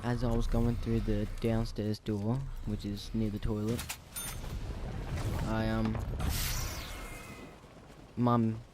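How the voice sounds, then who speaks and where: A man's voice: lowish voice, level tone, slow, long pauses, background noise. A teenage Australian guy telling a story from his own life in a casual vlog, rambling along with lots of ums and restarts. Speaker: storyteller vlogger.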